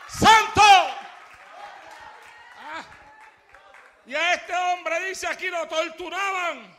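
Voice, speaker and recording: A man preaching a fiery sermon in a church, moving between hushed storytelling and shouted exclamations. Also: very high-pitched, slow, a faint crowd, slight background noise.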